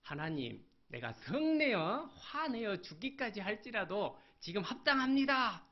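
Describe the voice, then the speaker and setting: A man voicing a weary male prophet who complains and pleads to die, in drawn-out whining lines. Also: a little high, lively intonation, gravelly, full character voice. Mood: complaining. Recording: dull lo-fi sermon recording.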